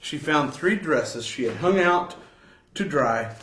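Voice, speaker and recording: A man's voice: a little high, lively intonation, slow pace, fairly bright tone. A man co-hosting a newspaper look-back segment, reading old headlines in a playful, mock-scandalized way. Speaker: co-host. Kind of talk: reading old news with banter. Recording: echoey room.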